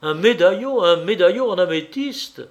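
A man's voice: fairly high pitch, a little slow. A man voicing an agitated young army captain in an audiobook, pressing his questions with urgency. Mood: urgent. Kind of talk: audiobook character voice.

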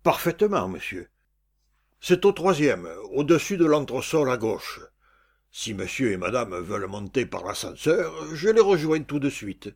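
A man's voice: mid-range voice, very animated, measured pace, vocal fry, breathy edge, exaggerated voice. A man voicing a polite, formal concierge in a dramatized story reading, deferential and businesslike.

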